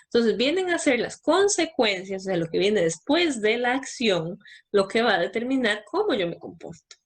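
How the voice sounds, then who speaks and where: A woman's voice: a little high, sing-song, normal speed, breathy edge. A woman giving a talk to parents, explaining step by step and answering her own questions.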